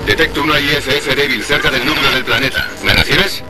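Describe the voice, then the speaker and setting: A man's voice: mid-range voice, fairly quick, over loud music. An actor playing a male starship officer who hails a lone survivor over a distant radio link, giving clipped, commanding orders. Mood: urgent. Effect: distant radio transmission. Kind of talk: video game dub acting.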